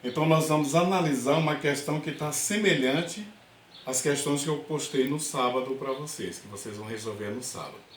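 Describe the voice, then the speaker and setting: A man's voice: mid-range voice, fairly quick, a little hiss or hum. A male language teacher giving a remote class, explaining step by step and often checking in with his students. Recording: roomy echo.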